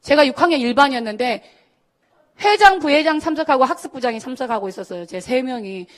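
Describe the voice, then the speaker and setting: A woman's voice: high-pitched, expressive, fast talker. A middle-aged woman pastor telling a personal story in a sermon to students, acting out the voices of the people she quotes. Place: church service.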